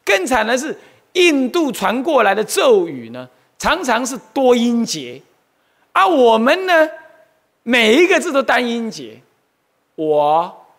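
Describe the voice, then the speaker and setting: A male Buddhist monk gives a lecture on Buddhist history, often asking his listeners questions and exclaiming. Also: high-pitched. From Taiwan. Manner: animated, asks the audience questions, exclaims often.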